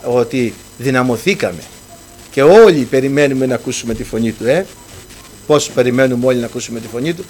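A man with a medium-pitched voice preaches a sermon, calling his listeners brothers and reading scripture aloud. He swings between loud proclamation and hushed speech, with a little hiss or hum in the recording.

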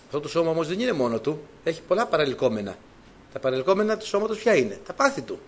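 Greek guy preaching, kinda high voice, really lively up and down, storytelling to the congregation. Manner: lively, animated storytelling, laughs at own stories. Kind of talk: sermon with personal testimony.

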